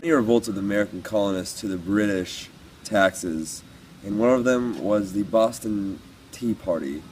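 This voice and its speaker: A man's voice: fairly low pitch, normal speed, a little mellow, slight background noise. A teenage boy playing a field reporter in an amateur mock news report, talking in a hesitant, rambling way with fillers. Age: teens. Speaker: field reporter in a school video project.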